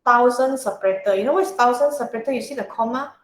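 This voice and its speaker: Rapid-fire and slightly high-voiced, a woman with a Singaporean or Malaysian English accent teaches an informal accounting tutorial. She keeps checking in with questions and using colloquial particles, and the recording sounds roomy and echoey.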